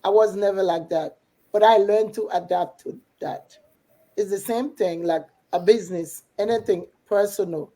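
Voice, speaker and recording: Heard over poor audio, a middle-aged Haitian woman speaks at normal speed with a mid-range, dark-toned voice and a Haitian accent. She's a business coach and mentor chatting casually to motivate and encourage.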